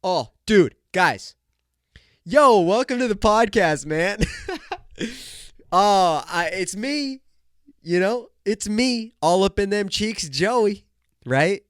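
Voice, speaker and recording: In a high, animated voice, a young podcast host delivers a casual solo rant, joking and hyped while calling his audience "bro" and "dude." He takes it slowly with frequent pauses, and he sounds nasal and stuffed up from a cold. The tone is clean, with no echo and studio-quality sound.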